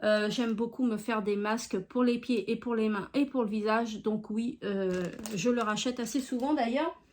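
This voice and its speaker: Woman vlogger with a high voice, chatty and full of hesitations. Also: moderate pace, darkish tone, a little hiss or hum. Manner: chatty, many hesitations, addresses viewers directly. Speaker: beauty vlogger. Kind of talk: casual product review.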